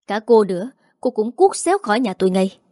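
A sharp-tongued older mother-in-law snaps out accusations, put on by a woman reading a storybook. The voice sits mid-range and clipped. The sound is dry and close. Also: sing-song, a little fast, no echo. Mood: scolding. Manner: shrill, biting, accusing.

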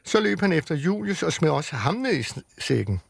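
A man on the radio, reading a children's book aloud with lively storytelling in a studio. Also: on the high side, creaky, husky, no room sound. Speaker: radio reader.

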